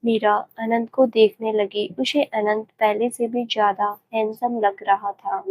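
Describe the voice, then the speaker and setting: A woman narrating a romance story in a gentle, even storytelling manner. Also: a little high, a little slow, rough recording.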